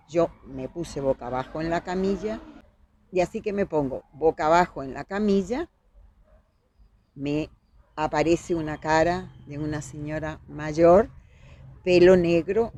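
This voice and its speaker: A woman's voice: low voice, creaky, mellow, slight background noise. A woman with a Uruguayan accent, a podcast guest recounting events vividly and acting out the dialogue she quotes. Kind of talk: storytelling in conversation.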